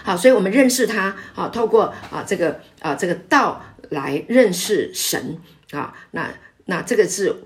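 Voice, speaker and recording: A middle-aged woman pastor preaches. Her voice sits a little low, and she leans on her words emphatically, with frequent "ah" sounds between phrases. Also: lively intonation, moderate pace. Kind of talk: sermon.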